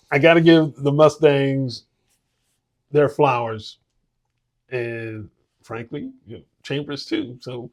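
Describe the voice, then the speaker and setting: Slow, hesitant man talking sports. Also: mid-range voice. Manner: unhurried, hesitant with fillers. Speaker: podcast co-host ranking high school teams. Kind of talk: casual sports talk.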